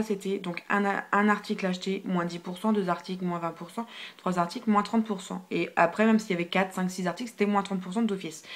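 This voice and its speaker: A young woman chatting casually through a makeup haul, full of fillers and repeated words, sometimes dropping almost to a whisper, filmed on a phone. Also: medium pitch. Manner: chatty, filler-heavy, repeats hyper, drops to near whispers. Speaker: beauty vlogger. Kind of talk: casual product haul review. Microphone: phone camera.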